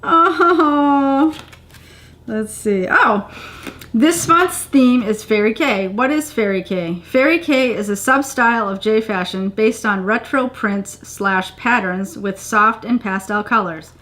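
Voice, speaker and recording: A woman's voice: medium pitch, a little slow, fairly bright tone. A middle-aged woman chatting casually to camera as she unboxes items, with gushing exclamations among plain remarks. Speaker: vlogger unboxing a subscription box. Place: indoors, home living room on a couch.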